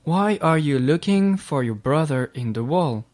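A man voicing a young French boy in an audio story, speaking English in short, halting phrases. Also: on the high side, lively intonation, darkish tone. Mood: determined.

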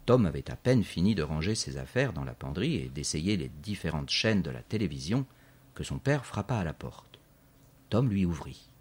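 A man reading a children's story aloud in a measured, clear narration. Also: low voice, sing-song, darkish tone.

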